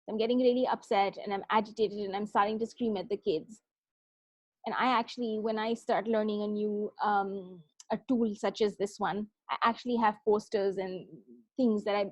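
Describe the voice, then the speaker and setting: A woman working as a parenting coach, giving a conversational talk on calming down, and she often asks "right?" as she goes. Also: mid-range voice, no echo. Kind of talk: talk on self-regulation.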